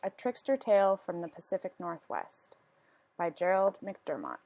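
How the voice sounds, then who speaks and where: A woman reading a storybook aloud as narration, with expressive, deliberate phrasing and questions to her listeners. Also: fairly low pitch. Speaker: storyteller reading a picture book.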